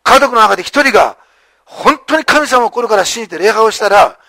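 A male pastor preaching a sermon with animated storytelling, acting out the lines of the people in the story. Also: sits high, fairly quick, no echo.

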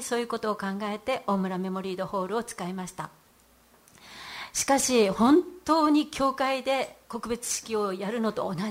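A middle-aged woman giving a heartfelt church testimony in an earnest voice, with frequent hesitant fillers. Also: mid-range voice.

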